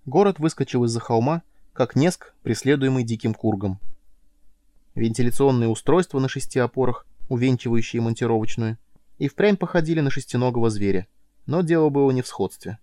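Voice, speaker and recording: A man narrating a science fiction audiobook in a calm, measured way. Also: mid-range voice, no echo. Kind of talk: scripted narration.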